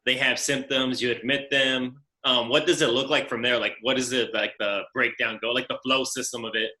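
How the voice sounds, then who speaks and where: A man's voice: medium pitch, fairly even intonation, sharp tone. A man hosting a podcast and asking questions in an easygoing, casual way. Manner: easygoing, quick backchannel replies. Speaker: podcast host. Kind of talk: casual interview. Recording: echoey room.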